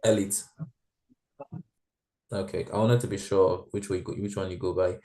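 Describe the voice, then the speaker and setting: A man's voice: low voice, fairly even intonation, normal speed, warm tone. A man rehearsing as host of an online event, hesitant and checking details. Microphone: video call.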